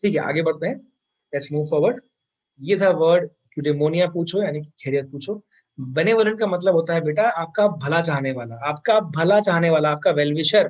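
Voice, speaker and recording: A man's voice: a little high, normal speed. A man with an Indian accent teaching vocabulary in an online class, switching between Hindi and English and repeating words.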